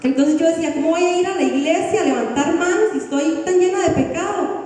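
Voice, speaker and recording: High-voiced woman giving testimony in an echoey hall. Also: mellow, recorded from a distance, a little hiss or hum. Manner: earnest, heartfelt, with halting restarts. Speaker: evangelist. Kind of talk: personal testimony.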